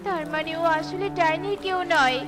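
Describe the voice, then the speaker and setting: A woman's voice: extremely high pitch, normal speed. A woman voicing a kind, protective little female bird in a children's cartoon, speaking in an earnest, reassuring way. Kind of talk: children's cartoon story acting. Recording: music under the voice.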